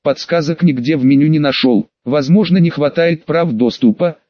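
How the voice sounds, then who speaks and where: Guy reading an audiobook in first person, steady, bit high voice, muffled dry sound. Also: moderate pace, no echo. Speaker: audiobook narrator.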